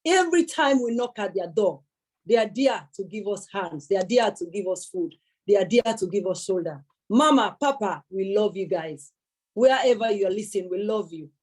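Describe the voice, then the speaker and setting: A woman's voice: mid-range voice, animated, normal speed, a little mellow. A young woman giving an earnest public speech at a celebration, emphatic, repeating her key words and thanking many people. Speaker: speaker at a celebration event.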